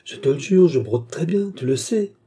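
A man voicing a gentle, determined young woman. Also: fairly high pitch, lively intonation, moderate pace, breathy edge, pitched above the performer's own voice, full character voice. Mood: affectionate, insistent. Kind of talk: audiobook character voice.

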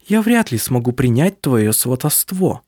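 A man's voice: big pitch swings, a little slow, mellow, no echo, studio quality. A man reading a novel aloud, voicing a spirited young woman with a raised, emotional voice. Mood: haughty. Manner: raised pitch, emotional and pleading.

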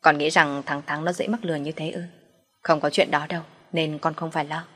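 Woman voicing a domineering older mother-in-law, loud and scolding. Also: low voice, little pitch movement, fairly quick. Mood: reassuring. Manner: scolding, sharp, contemptuous.

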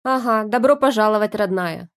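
A gruff, sarcastic husband trapped in his wife's body, as a woman reads him in an audiobook. He talks bluntly and loudly, with a mocking edge. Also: medium pitch, normal speed, natural voice.

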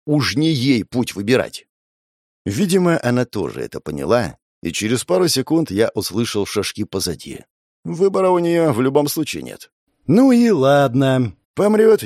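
A man's voice: lowish voice, darkish tone, dry recording, studio quality. A man narrating a first-person fantasy audiobook in a sardonic, crude, wry way.

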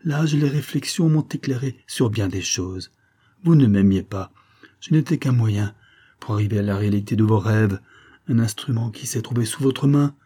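A man's voice: on the low side, moderate pace, dark tone, husky. A man reading an audiobook, voicing an anguished middle-aged nun who pleads and reproaches in a raised, strained voice. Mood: reproachful. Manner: pleading, fearful.

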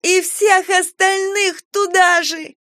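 A woman voicing a vicious young girl with a bratty, taunting, shrill manner. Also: steady tone, takes it slowly, fairly bright tone, no room sound, clean studio sound, exaggerated voice. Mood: tearful fury. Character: feral young girl turned vicious predator.

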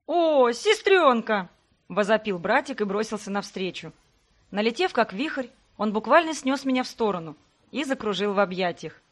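A woman narrating a first-person novel in a measured, even reading. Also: mid-range voice. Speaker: audiobook reader.

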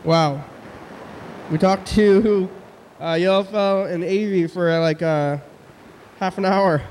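A young man hosting a call-in show, talking fast and slurring his words in casual chat. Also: high-pitched, steady tone, a little mellow, big-room sound, slight background noise, rough recording.

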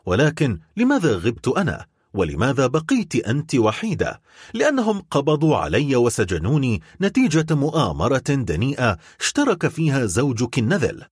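A cold, vengeful nobleman with a husky, biting edge, as a man reads him. His sarcastic delivery swings widely in pitch, recorded close and dry. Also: wildly swooping pitch, fairly quick, no echo. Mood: cold bitter. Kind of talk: dramatic audiobook reading.

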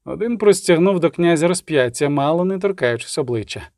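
A man narrates an audiobook with a steady, even read. His voice sits a little high for a man. The sound is dry and close, with no room around it. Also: fairly quick, no room sound. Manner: steady storytelling read, acting out characters.

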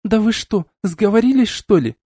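A man voicing an indignant, sharp-tongued young woman serving as a ship's radio operator, in a shrill, strained voice for an audiobook. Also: brisk, no echo, clean studio sound, natural voice. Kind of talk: audiobook character reading.

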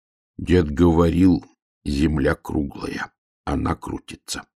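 A calm young bear cub with a low, creaky voice and a husky grain, speaking slowly and a little grandly, as a man puts him on. The sound is dry and close. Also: no echo, exaggerated voice. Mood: musing. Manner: slow, knowing, a little pompous.

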